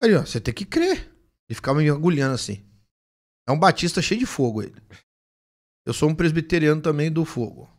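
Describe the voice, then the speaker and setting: A man tells a church story with lively, swooping intonation. His voice has a gravelly edge, and he acts out the lines of the other people in the story, all in a relaxed, conversational way. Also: on the high side, fast, pauses often. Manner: animated storytelling, acts out dialogue. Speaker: pastor. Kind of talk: casual testimony in a conversation.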